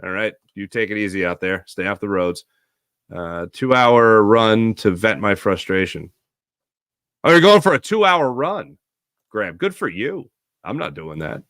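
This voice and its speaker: A man hosting a casual sports podcast, reading viewer chat with sarcastic, animated commentary. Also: normal speed, no room sound, clean studio sound. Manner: reads ad copy with big pitch swings. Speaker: podcast host.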